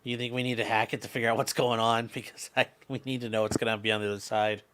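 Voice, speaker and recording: Mid-pitched man chatting over tabletop game. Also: flat delivery, fast, a bit bright. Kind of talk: casual table chat.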